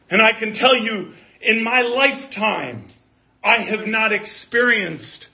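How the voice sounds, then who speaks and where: A man's voice: high-pitched, creaky. A man in his fifties preaching a sermon in an earnest, conversational way, rising to emphasis. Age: 50s. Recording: dull lo-fi audio.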